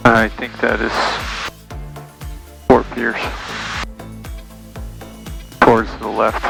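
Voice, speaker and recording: A man's voice: lowish voice, monotone, extremely slow, gravelly, pushed and bright, faint music behind. A man who is a pilot, chatting casually and explaining the instruments to his passengers.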